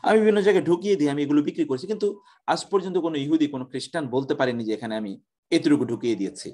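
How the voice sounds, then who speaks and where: A man's voice: fairly high pitch, racing, darkish tone, close to an everyday voice. A male lecturer voicing a quoted book seller who pleads to speak and then explains himself, within a story told in class. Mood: explaining. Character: clever old-time scribe and book seller, a man.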